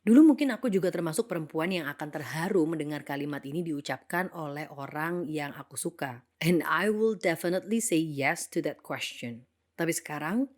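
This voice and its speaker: A young woman with a somewhat low voice narrates a reflective monologue. She speaks earnestly and thoughtfully, weighing each point. English phrases come up now and then in her narration. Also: darkish tone.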